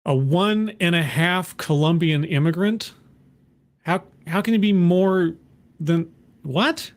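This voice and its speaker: A man with a slow pace and a voice on the high side hosts a reaction commentary on a talk. He is sarcastic and exasperated and keeps interrupting.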